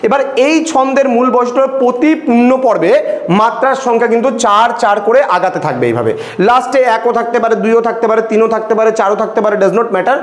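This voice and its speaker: A man's voice: very high voice, fairly quick, echoey room. A male tutor teaching a classroom lesson, patient, asking his students questions and repeating points.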